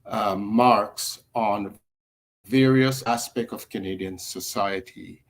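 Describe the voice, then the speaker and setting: Guy on a laggy video call, audio keeps cutting out, low voice, talks real slow with lots of ums. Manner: slow and hesitant, with many fillers. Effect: choppy, cutting-out internet call audio. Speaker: panel guest. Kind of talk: formal remarks on a video call.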